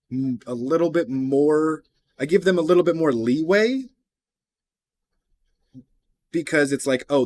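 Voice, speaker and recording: A man's voice: mid-range voice, a little mellow. A man hosting a reaction video, chatting casually with skeptical asides and the odd swear word.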